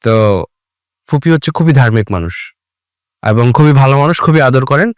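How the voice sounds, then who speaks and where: Animated male podcast host telling a story. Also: medium pitch, moderate pace, clear, resonant tone, dry recording, studio quality. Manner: animated storyteller, mixes English into Bengali. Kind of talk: casual storytelling chat.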